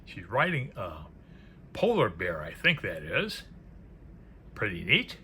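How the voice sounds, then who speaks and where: A low-pitched man reviews a tarot deck with unscripted, easygoing commentary, pondering aloud and slipping into murmured asides. His pitch swings hugely, he takes a slow pace, and his tone comes across bright and forceful. Faint background noise can be heard.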